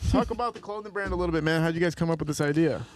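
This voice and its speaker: A man's voice: a little high, very fast. A young man hosting a podcast, chatty and cheerfully profane as he interviews his guest. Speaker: podcast host. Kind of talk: casual interview chat.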